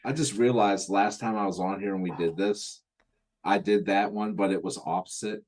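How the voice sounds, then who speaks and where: A relaxed man in a casual chat, joking at his own expense. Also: on the low side, moderate pace.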